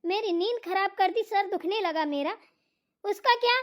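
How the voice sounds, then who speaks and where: A woman's voice: extremely high pitch, moderate pace. A woman voicing a sleepy, complaining young sister-in-law in a cartoon comedy, whiny and sulky. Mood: taunting.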